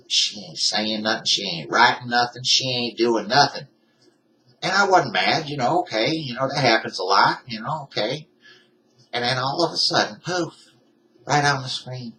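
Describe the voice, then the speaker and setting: Bright-voiced indignant man. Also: medium pitch, a little hiss or hum, rough recording. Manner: heated, indignant, folksy. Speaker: YouTuber. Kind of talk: ranting vlog.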